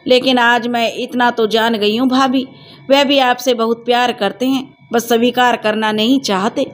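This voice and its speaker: A woman voicing a cheerful young woman who teases gently and politely. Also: on the high side, steady tone, moderate pace, lightly acted. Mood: teasing. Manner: gentle, teasing. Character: young woman, cheerful, teasing sister-in-law type.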